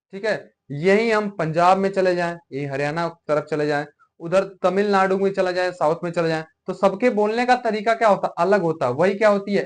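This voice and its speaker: A male teacher from Uttar Pradesh, India, delivers a classroom lecture, frequently posing rhetorical questions to check understanding. His voice sits high.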